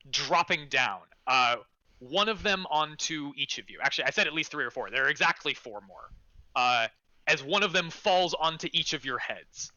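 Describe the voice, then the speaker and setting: Animated, bright-voiced male game master. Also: a little high, no echo, dull audio. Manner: animated, amused. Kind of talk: improvised tabletop game narration.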